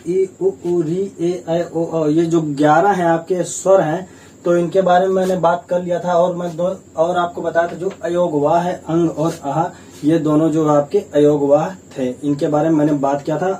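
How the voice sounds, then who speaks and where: A male teacher gives a grammar lesson, explaining patiently and repeating himself as he sounds out letters one by one. His voice is slightly high and mellow. It is picked up from a distance, with a faint hum of room noise behind him.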